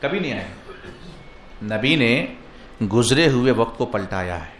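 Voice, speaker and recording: A man preaching a sermon who moves between soft explanation and loud, high-pitched exhortation, and acts out dialogue as he tells stories. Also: lively intonation, takes it slowly, reverberant. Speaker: Islamic preacher.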